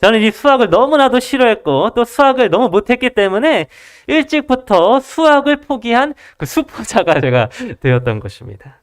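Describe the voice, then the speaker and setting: Smooth-voiced preacher, lively pitch. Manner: addresses the congregation directly with rhetorical questions; storytelling, measured formal delivery. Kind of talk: sermon.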